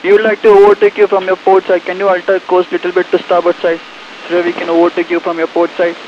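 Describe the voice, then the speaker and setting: A man makes marine radio calls as a ship's operator. His voice sits a little high. The VHF signal is dull, with clear hiss and noise. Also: completely flat delivery, quick pace. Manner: procedural radio call phrasing. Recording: muffled, hissy, noisy VHF radio.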